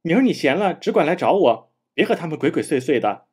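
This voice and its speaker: A man with a husky voice reading the lines of a playful, pampered teenage young master in a storybook. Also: fairly high pitch, big pitch swings, fast, a little mellow. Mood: teasing. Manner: teasing, cheerful.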